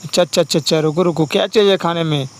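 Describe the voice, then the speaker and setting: A man hosting a kids' toy video, narrating with excitement and repeating his exclamations over and over. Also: a little high, racing. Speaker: host narrating toy play for kids. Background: background music.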